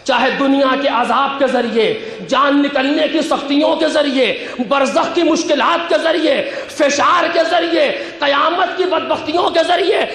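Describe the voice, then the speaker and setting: A man giving a religious sermon as a cleric, preaching with passion, climbing to shouted peaks and reciting Arabic phrases. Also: very high voice, echoey room, in a large hall.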